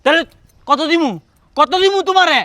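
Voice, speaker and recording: Man acting as a bullying office manager, scornful and threatening, high fast voice, dry sound. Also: pushed and bright, no echo. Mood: contemptuous. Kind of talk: short-film drama acting.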